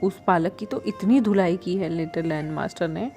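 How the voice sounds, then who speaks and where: A woman's voice: on the low side, moderate pace, darkish tone, faint music behind, lightly acted. A woman voicing a chatty, gossiping male attendant in a read-aloud fan story, chiding and talkative.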